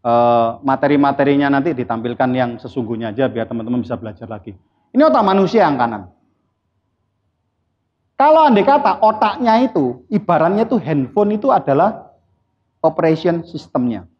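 A man's voice: mid-range voice, very animated, brisk. A man giving a live motivational seminar, blunt and teasing, quizzing the audience with questions. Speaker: seminar speaker. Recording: dull lo-fi recording.

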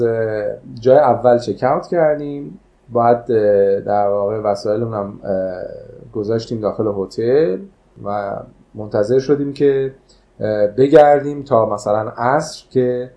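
A man's voice: medium pitch, dark tone, rough recording. A man who manages a traditional hotel, casually recounting a travel memory with many hesitant filler sounds.

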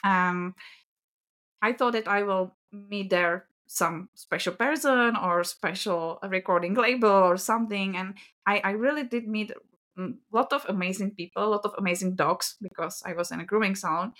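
Woman, Czech accent, podcast guest, laughs often, hesitant, halting English. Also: mid-range voice, a bit bright. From Czech Republic. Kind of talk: casual interview answers.

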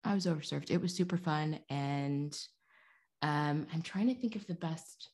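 A woman's voice: deep voice, moderate pace. A woman co-hosting a podcast, chatting casually and acting out bits of her stories in silly voices. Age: adult. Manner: animated storyteller, acts out bits in silly voices. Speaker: podcast co-host. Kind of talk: casual chat.

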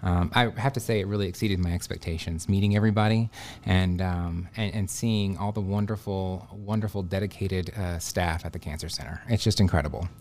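A man in his thirties from Texas, with a notably low, deep voice, speaks as a radiation oncologist guest on a podcast. He answers earnestly, pausing often with fillers and restarting his phrases. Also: fairly even intonation, a little mellow. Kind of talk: conversational interview answers.

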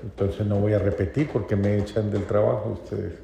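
Male priest giving a homily in church, goes loud then real soft, bit of background hiss. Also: little pitch movement, fairly quick, gravelly. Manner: storytelling, swings from loud emphatic peaks to soft low phrases. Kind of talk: homily at mass.

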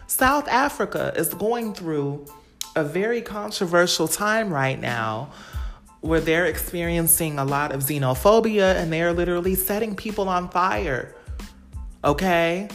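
Low-voiced woman ranting casually. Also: unhurried, faint music behind. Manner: profane and animated, chatty rambling. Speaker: podcast host. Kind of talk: casual chat. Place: Los Angeles.

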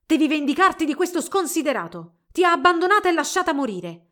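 A woman's voice: mid-range voice, very animated, a little slow. A woman voicing a cold, imperious female spirit queen in a storybook reading, speaking in an icy, commanding way. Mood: furious.

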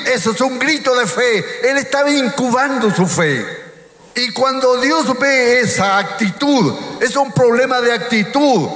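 A man's voice: very high voice, expressive, a little slow, a bit bright. A man, a pastor delivering an emphatic sermon and calling out to his congregation. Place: church hall with a congregation. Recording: echoey hall with music behind.

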